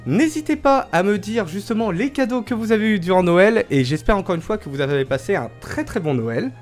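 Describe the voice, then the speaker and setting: A man's voice: high voice, lively intonation, a little fast, soft background music. A young man chatting casually in a vlog from his home studio, full of fillers and self-mocking laughs. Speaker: YouTuber showing his Christmas gifts.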